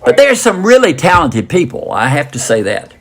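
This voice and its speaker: A man co-hosting a casual interview in a chatty, halting, circling way. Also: fairly high pitch, huge pitch swings, breathy edge. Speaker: co-host.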